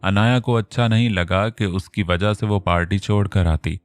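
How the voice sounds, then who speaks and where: A man narrating an Urdu romance novel in a steady storytelling manner. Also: fairly low pitch, normal speed, no room sound, faint music behind.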